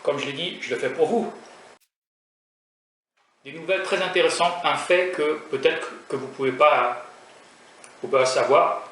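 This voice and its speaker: A man's voice: a little high, moderate pace, long pauses, fairly bright tone, distant mic. Hesitant young man, echoey room. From raised in France. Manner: hesitant, many fillers and restarts; self-mocking humor. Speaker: food vlogger. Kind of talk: casual vlog chat. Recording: echoey room, voice from off mic, faint noise.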